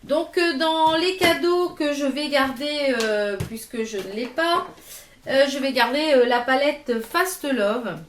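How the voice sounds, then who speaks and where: A high-voiced beauty vlogger chats casually through a makeup haul, hesitating often with fillers as she holds each product up to the camera. She's recording at home in a roomy, echoey space, with a faint hiss or hum in the background.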